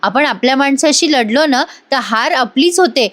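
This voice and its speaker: A woman reading a gentle young bride. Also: sits high, lively intonation, normal speed. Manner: pleading, mild. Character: gentle, patient young bride, soft-spoken. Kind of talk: retold dialogue in a TV episode recap.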